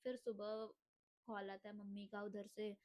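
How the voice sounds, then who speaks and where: A woman's voice: mid-range voice, level tone, a little slow, a little mellow. A young woman with a cough telling her own life story in an earnest vlog monologue, mixing Hindi with English phrases. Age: young adult. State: unwell, coughing.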